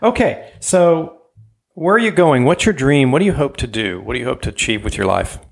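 A German-born man whose native language is German interviews a guest in a casual conversation, often rambling and restarting his sentences. His mid-range voice is gravelly, animated and brisk.

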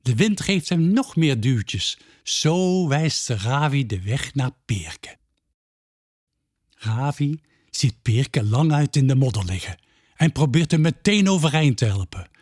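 A man reading a children's storybook aloud with expressive storytelling. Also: mid-range voice, slow, dry recording, studio quality.

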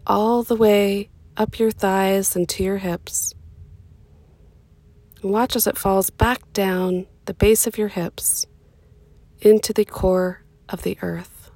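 A woman guides a meditation in a soothing, unhurried way, pausing between short phrases. Her medium-pitched voice is soft and sometimes turns breathy, and the recording is dry.

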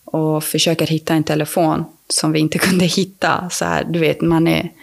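A woman guest on a podcast telling a personal story in a casual, rambling way, often restarting her sentences and filling pauses. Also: low-pitched, little pitch movement, creaky.

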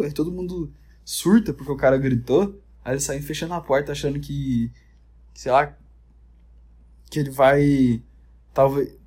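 Brazilian guy ranting jokey about a reality show, kinda high voice, rambles and curses. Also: a little mellow, breathy edge. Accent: Brazilian Portuguese. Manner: rambling, profane, jokey storytelling. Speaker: vlogger. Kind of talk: comedic reality-show commentary.

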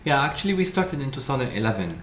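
A man's voice: medium pitch, sing-song, racing, fairly bright tone. A man from Lebanon, a guest in a casual interview, talking earnestly with many restarts. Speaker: guest, fashion brand co-founder. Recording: echoey room with faint ambience.

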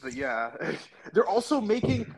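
A young man with a hoarse, worn-out voice, chatting excitedly on a podcast. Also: high voice, unhurried. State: hoarse, lost his voice. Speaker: podcast co-host. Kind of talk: casual chat.

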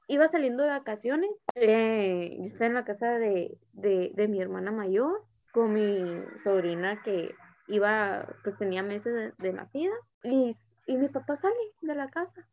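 Young Mexican woman, gravelly and tinny. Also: on the high side. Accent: Mexican Spanish. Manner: hesitant, halting, searching for words. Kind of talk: personal storytelling about grief. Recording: tinny phone-like sound.

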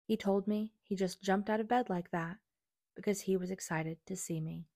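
A woman's voice: medium pitch, steady tone, moderate pace, mellow, no room sound, clean studio sound. A young adult woman reading her personal memoir aloud in an earnest, confessional way. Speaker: memoir narrator.

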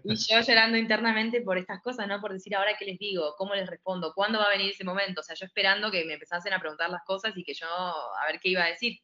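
Fast-talking Argentine woman, bright voice. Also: medium pitch, muffled recording. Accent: Argentine Spanish. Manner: lively storytelling, acts out quoted voices. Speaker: guest. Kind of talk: casual interview.

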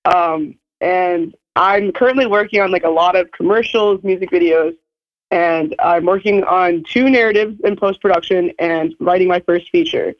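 Bubbly, slightly hoarse young woman. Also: lowish voice, highs cut off. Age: early 20s. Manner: bubbly, talks in quick bursts with many "like" fillers. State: slightly hoarse from losing her voice. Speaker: guest filmmaker. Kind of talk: casual interview chat.

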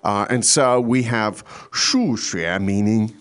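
This language-teacher host, a foreigner in China, talks slowly in a fairly low, clear, resonant voice. His podcast explanations are relaxed and easygoing, broken by many hesitations.

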